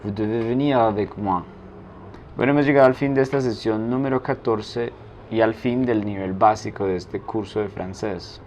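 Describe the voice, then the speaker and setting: A man teaching a language lesson, slowly and deliberately repeating each phrase for practice. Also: fairly low pitch, fairly even intonation, darkish tone, slight background noise. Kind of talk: French lesson taught in Spanish.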